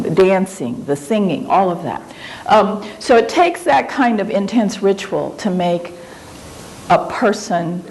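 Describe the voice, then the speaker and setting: A woman's voice: medium pitch, darkish tone, poor audio. A woman from Japan giving a conference lecture in an auditorium, speaking reflectively and conversationally as she searches for her words.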